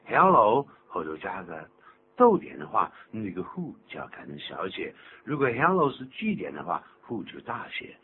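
An older man hosting a radio English lesson, explaining phrases in an animated, teacherly way. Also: lowish voice, moderate pace, husky. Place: radio studio. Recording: tinny lo-fi radio broadcast with faint hum.

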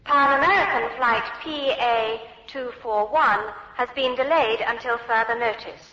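Formal adult airport announcer, measured delivery, long echo, muffled course recording. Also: female voice, a little high, pushed and bright. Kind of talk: scripted public address announcements. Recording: muffled echoey hall.

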